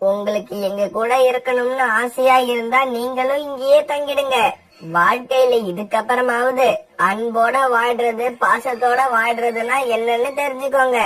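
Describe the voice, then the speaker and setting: A woman's voice: on the high side, a bit bright, far from the mic. A woman voicing an earnest, stubborn eldest child bird in a cartoon, insisting firmly.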